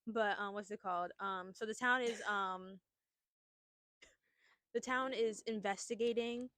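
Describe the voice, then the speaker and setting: Outdoors at a picnic, a young woman co-hosting a podcast casually retells a horror movie plot, chatty and rambling. Her mid-range voice is unhurried and a bit bright, with no echo.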